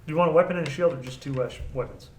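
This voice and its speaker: Male game master, casual table talk, slightly high voice, echoey and off-mic. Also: racing. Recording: echoey room, distant mic, faint noise.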